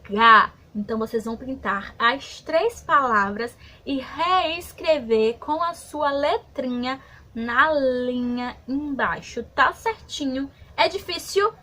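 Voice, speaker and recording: Woman, brazilian accent, preschool teacher, high voice, drawn-out words for kids. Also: expressive, pushed and bright. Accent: Brazilian Portuguese. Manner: slow, drawn-out words for small children. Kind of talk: online lesson for young children.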